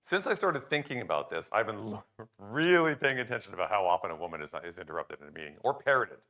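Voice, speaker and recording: An older man gives a conference talk in a low voice. His pitch swings widely as he acts out what other people say and cracks jokes. He often pokes fun at himself. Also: fast talker. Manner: animated, jokey, self-deprecating, acts out quoted remarks. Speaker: conference speaker.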